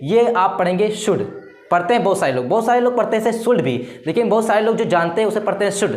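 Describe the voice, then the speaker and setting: A man's voice: sits high, animated, fast talker. Man teaching grammar in an echoey room. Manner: keeps asking rhetorical questions and answering them himself. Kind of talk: explanatory classroom-style lesson. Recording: roomy echo.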